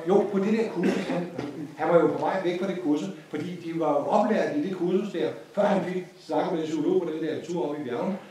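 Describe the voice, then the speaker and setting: A man with a Danish accent giving an informal course lecture, telling a story with repeated phrases and lively asides. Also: fairly high pitch, a little hiss or hum. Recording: echoey hall from a distance.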